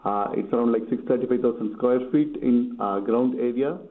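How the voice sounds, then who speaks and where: Man on echoey speakerphone, gravelly. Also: mid-range voice, fairly quick. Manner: hesitant, many filler sounds. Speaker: guest, general manager. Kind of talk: phone-in interview. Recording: echoey tinny speakerphone call.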